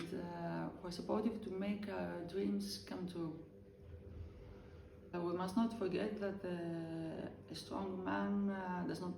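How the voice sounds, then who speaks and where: A woman from Greece with a Greek accent, speaking English as a second language in halting, earnest interview answers full of pauses. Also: fairly low pitch, creaky, roomy sound, recorded from a distance, background noise. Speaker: traditional drummer.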